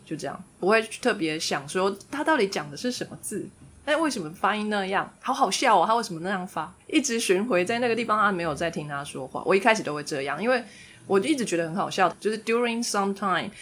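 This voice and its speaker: A woman hosting a casual conversation, speaking in a relaxed, reflective way. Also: lowish voice, slightly rough. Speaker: host.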